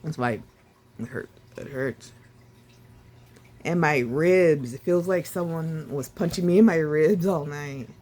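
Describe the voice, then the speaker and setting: A woman vlogging casually about her recovery, sore and short of breath, with a sore throat, talking haltingly with sighs and restarts. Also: low voice, warm tone. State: sore and winded after surgery.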